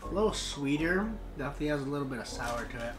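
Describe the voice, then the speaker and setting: Young woman, deep low voice, clipped casual comments, eating sour candy, music in background. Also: animated, racing. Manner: eating sour candy while talking, clipped short remarks. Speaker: vlog co-host taste-testing candy. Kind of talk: casual chat. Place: small bedroom, indoors.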